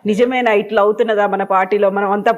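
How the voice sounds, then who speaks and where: A woman's voice: medium pitch, steady tone, very fast, highs cut off. A woman interviewer, pressing a politician with probing follow-up questions.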